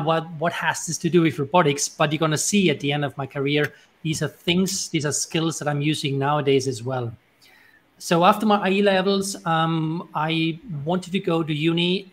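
A man in his forties from Austria with an Austrian German accent, telling his career story on an online panel over a video call, steady and friendly with frequent ums. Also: on the high side. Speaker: robotics professor, panelist. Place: home room with bookshelves. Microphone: video call with earphones.

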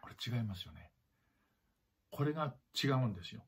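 A man's voice: mid-range voice, lively intonation, normal speed, breathy edge, soft background music. A man teaching clarinet in a spoken lesson, who repeats his points, talks straight to the listener, and sings rhythms aloud to show them. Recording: dull lo-fi recording.

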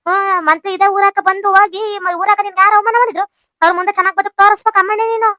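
A woman's voice: very high-pitched, steady tone, racing, pushed and bright, dry recording, soft background music. A woman voicing a doting old village grandmother in a cartoon, with a North Karnataka Kannada accent and a fussy, gushing manner. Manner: fussy, gushing, lots of sighs. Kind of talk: cartoon voice acting.

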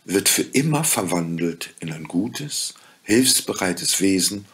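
Ein Mann spricht in einer Märchenlesung eine gütige Fee, leise, langsam und sanft. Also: male voice, fairly low pitch, breathy edge, full character voice. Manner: soft, slow and quiet. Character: gentle kind fairy woman, calm and wise.

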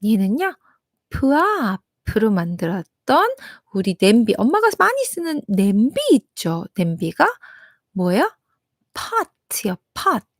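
A woman's voice: mid-range voice, big pitch swings, measured pace, no echo, studio quality. A young woman teaching children phonics, sounding out each letter in a sing-song, encouraging way.

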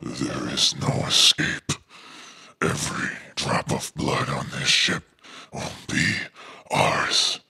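A man voicing a huge, menacing male vampire alien soldier in an audio drama, giving slow, ominous pronouncements in a gravelly voice. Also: rumbling low, fairly even intonation, bright, forceful tone, voice pushed down, heavily acted.

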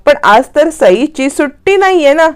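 Cautious young wife, measured and direct, slightly high, as a woman puts her on. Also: very animated. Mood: wary.

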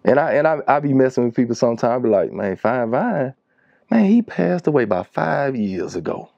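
A man in his thirties from Shreveport, Louisiana, with a Southern accent, speaks at a medium pitch, very animated and a little fast, his voice creaky and mellow. A music producer appearing as an interview guest, he chats casually and tells stories in slangy talk. The audio is dull with no echo, recorded in a small wood-panelled studio.

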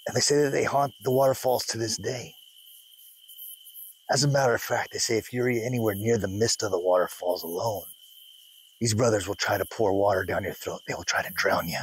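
A man's voice: lowish voice, steady tone, brisk, low-quality recording. A middle-aged man vlogging a hiking trip, chatting in a folksy, easygoing way and telling stories as he drives. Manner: folksy storyteller, laughs often. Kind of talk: casual vlog chat. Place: car interior and outdoor trail. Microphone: camera mounted on dashboard. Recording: car road noise, from the mic.

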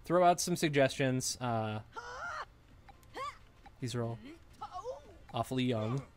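A man's voice: medium pitch, takes it slowly. A man co-hosting a let's play, chatting casually and playfully while building a game character. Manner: enthusiastic, playful commentary on character creation. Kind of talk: casual gameplay chat on a live stream.

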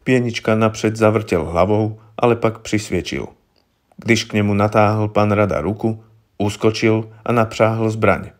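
Man reading a story, low voice. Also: fairly even intonation. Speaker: narrator.

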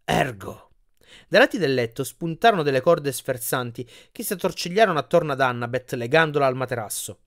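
Guy reading an audiobook, expressive, lots of pitch movement. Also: quick pace, hardly any pauses. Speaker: audiobook reader.

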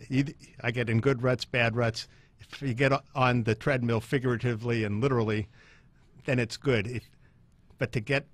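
A man co-hosts a studio talk show with joking, wry banter. His voice sits at an average pitch for a man. The sound is dry and close. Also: no echo.

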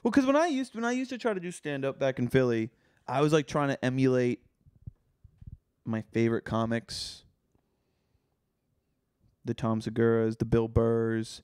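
Teasing, profane young podcast host. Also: male voice, medium pitch, moderate pace, long pauses, darkish tone, clean tone, dry recording. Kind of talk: casual chat.

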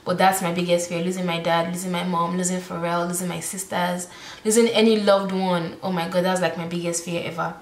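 A Nigerian-accented woman in her twenties, a YouTuber, chats casually to camera from her bedroom in a Q&A vlog, expressive and sprinkling in plenty of "like". Her voice sits on the low side and moves a little fast, with an echoey room and a faint hiss or hum.

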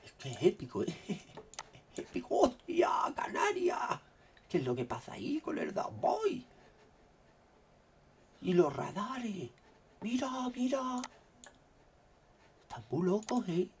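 Man, Spain Spanish accent, gravelly dark voice, dry throat, excitable casual commentary, faint background noise. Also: high voice, a little slow, pauses often. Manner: excitable, exclaiming, keeps saying "look". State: throat dry after a cold. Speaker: vlogger. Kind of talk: casual commentary on screen recording.

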